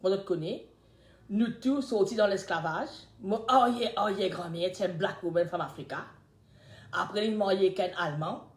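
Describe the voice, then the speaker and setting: Speaking at a normal speed in a mid-range voice, an older Mauritian-accented woman tells lively stories while hosting a relaxed live chat. Her volume rises and falls between loud and soft, and the room echoes noticeably.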